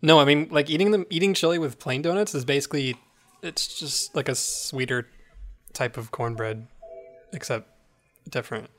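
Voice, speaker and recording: A man hosting a podcast, talking in a relaxed, hesitant way with many fillers. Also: fairly high pitch, moderate pace, soft background music. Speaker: podcast host. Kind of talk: casual chat.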